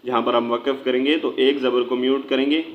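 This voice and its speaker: A man teaching Quran recitation, spelling out each syllable slowly and then explaining in quick asides, often checking with "theek hai". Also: medium pitch, level tone, muffled recording, a little hiss or hum. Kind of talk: slow spelled-out recitation lesson.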